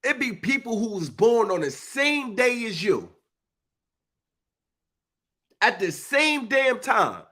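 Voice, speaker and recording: A live-stream speaker gives an impassioned monologue in a lively, fairly high voice that's congested and a bit husky from a stuffy nose. He's preachy and emphatic, speaks informally, and goes a little slowly.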